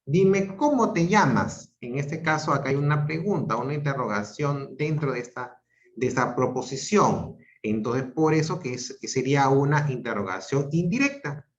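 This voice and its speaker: A man's voice: mid-range voice, moderate pace. A male teacher giving an online grammar lesson, explaining step by step and checking in with his students. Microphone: video call. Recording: muffled roomy video-call audio.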